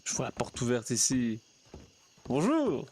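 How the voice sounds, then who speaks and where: A man talks in character as a gentle, somewhat naive pastor in a role-play game. He chatters to himself, cracks small jokes and soothes his horse. His voice sits at a middling pitch with a faint hiss behind it. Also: normal speed.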